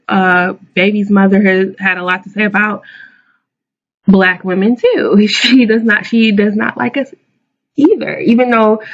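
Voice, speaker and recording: Dull lo-fi recording, woman, medium pitch, casual opinion vlog, informal, digressive, self-correcting. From Jamaica. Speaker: video blogger. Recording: dull lo-fi microphone sound.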